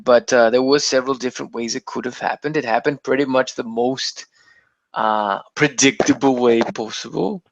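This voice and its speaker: A man's voice: medium pitch, fairly even intonation, moderate pace, vocal fry, no echo. A man co-hosting a casual podcast chat, joking and mocking his co-host. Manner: joking, mocking, slips into silly put-on voices. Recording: dull lo-fi sound, dry.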